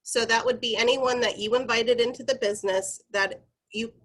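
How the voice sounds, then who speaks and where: A woman's voice: a little high, fairly even intonation, moderate pace, fairly bright tone, slightly rough. A woman giving an informal corporate training presentation, explaining guidelines in a conversational, instructive way and addressing her group directly.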